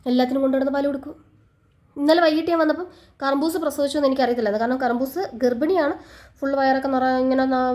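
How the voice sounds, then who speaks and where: A woman, telling a lively story in a casual home vlog. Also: on the high side. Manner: lively storytelling, talks to her pets. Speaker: vlogger.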